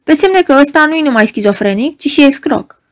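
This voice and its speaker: Brief: woman doing a haughty doctor, clipped orders, higher voice. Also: expressive. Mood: curt. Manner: dry, short, commanding. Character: curt, proud middle-aged male professor, doctor.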